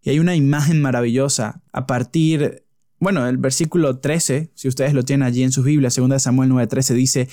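A man's voice: medium pitch, fairly even intonation, fairly quick, dark tone, no room sound, clean studio sound. A man preaching a sermon, telling a story vividly and stressing points through repetition. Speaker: pastor.

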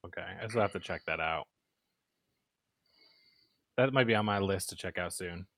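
A man's voice: low-pitched, moderate pace, a bit bright, no echo, studio quality. A man hosting a casual gaming podcast, upbeat and chatty as he runs the introductions and asks questions. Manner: upbeat, chatty host who reads the intro. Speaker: podcast host.

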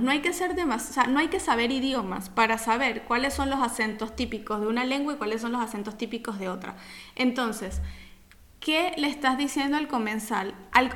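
A woman's voice: sits high, fairly bright tone. A woman co-hosting a casual podcast, explaining points in an emphatic, teacherly way. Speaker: podcast co-host.

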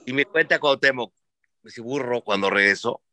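A man with a Mexican Spanish accent, telling sports stories in casual chat as host, animated and profane, acting out the voices he quotes. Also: medium pitch, normal speed, dry recording.

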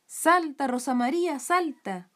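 A woman's voice: high voice, lively intonation, measured pace, a bit bright, voice pushed up. A woman voicing a group of friendly forest witches cheering a girl on, in a storybook reading. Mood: encouraging. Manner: cheering, encouraging.

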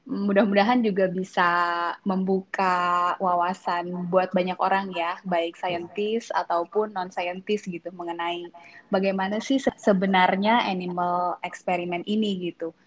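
A woman hosting a podcast interview, friendly and eager, chiming in with quick affirmations. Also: fairly low pitch, flat delivery. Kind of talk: casual interview chat. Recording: slightly dull lo-fi sound.

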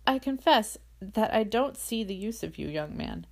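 Woman doing a commanding gentleman collector. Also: mid-range voice, expressive, moderate pace. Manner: formal, commanding speech.

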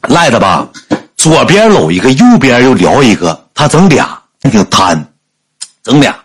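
This man's voice is medium in pitch, a little slow and edged with breathiness. He's a storyteller with a Northeastern Chinese accent, animatedly recounting a funny anecdote on a livestream and performing each character in it.

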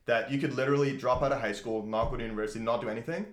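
Rapid-fire delivery, medium pitch, and fairly flat intonation mark this man's speech. In his twenties and from Austria, he hosts a laid-back podcast, talking openly, dropping "like" constantly and swearing, in a room with noticeable echo.

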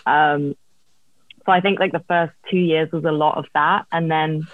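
A woman's voice: sits low, fairly even intonation, normal speed, dry recording, narrow, tinny audio. A woman songwriter being interviewed, chatting casually about her career over thin call audio. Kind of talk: casual chat, telling career story.

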